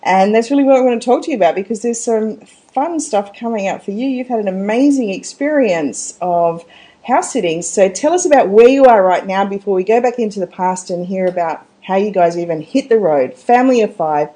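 Warm, upbeat Australian woman host, keen interviewer, mid-pitched. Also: expressive, fairly quick. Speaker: podcast host. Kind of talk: casual interview chat.

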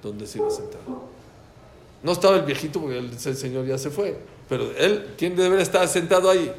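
Male religious teacher, mid-pitched, animated storyteller who voices the characters in his anecdotes; roomy recording with faint background noise. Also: brisk. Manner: animated, acts out dialogue in stories. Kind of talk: storytelling lecture. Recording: echoey room with faint ambient noise.

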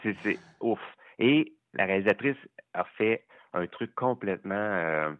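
Québécois guy gushing about docs, real low voice, sounds like over a phone, lots of euhs. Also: animated, dry recording. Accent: Québécois French. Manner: enthusiastic, halting with many fillers. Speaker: film critic guest. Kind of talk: casual podcast chat. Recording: tinny phone-like line, dry.

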